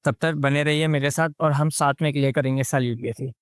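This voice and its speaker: A young male coach lecturing exam aspirants in a blunt, direct way, slipping English phrases into his talk. His voice is a touch high and smooth, recorded close and dry with no room sound around it. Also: steady tone, fairly quick, dry recording.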